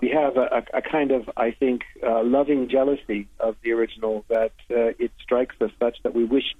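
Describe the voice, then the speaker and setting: A man from the United States, a literary translator and poet, answering radio interview questions in a halting way with many ums and restarts. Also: medium pitch, level tone, breathy edge. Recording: tinny phone line, dry.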